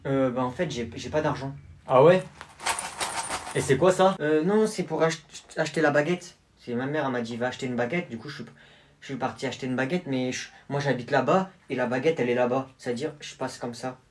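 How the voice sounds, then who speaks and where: A young performer acting out comedy sketches in many roles, with quick street slang and blustering back-and-forth. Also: mid-range voice, a little hiss or hum.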